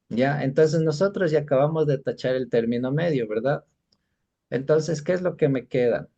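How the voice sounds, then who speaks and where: A man's voice: medium pitch, creaky, a little mellow. Patient man teaching a class, muffled. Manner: patient explaining, keeps checking in with short questions. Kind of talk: exam-prep lesson.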